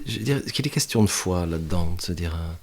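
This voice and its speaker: A man hosting a podcast, asking gentle questions that restart often. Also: low-pitched, lively intonation, quick pace. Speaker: podcast host. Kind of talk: interview conversation.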